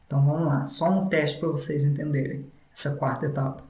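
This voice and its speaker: A man with a Brazilian Portuguese accent walks through a tutorial one step at a time. His voice sits somewhat high for a man. He repeats points patiently and recorded in a room with noticeable echo. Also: flat delivery, fairly quick, a little mellow. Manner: repetitive, instructive, frequent "né" tags. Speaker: English teacher.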